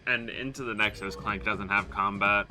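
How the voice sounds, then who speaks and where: A man's voice: fairly low pitch, steady tone, moderate pace. A man talking in a casual, offhand way as he streams a video game. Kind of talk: casual chat while gaming. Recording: clear game music behind voice.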